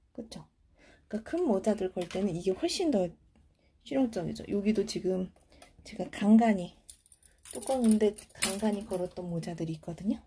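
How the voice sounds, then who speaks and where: A woman walks through a household organizing tip in a casual, hands-on way, her voice dipping into near-whispers as she works. Her tone is mellow and sits slightly low. A faint hiss of background noise runs underneath. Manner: talks softly while working, often drops to a whisper. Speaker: home organizing vlogger.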